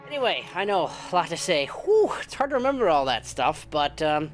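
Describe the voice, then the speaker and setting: A male streamer with a raspy voice chats casually over his gameplay. His pitch moves in lively swings as he rambles and pokes fun at himself. Game music and gunfire play behind him. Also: brisk. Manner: self-deprecating, rambling. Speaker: streamer and video host. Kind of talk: casual live gameplay commentary. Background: shooter game music and gunfire.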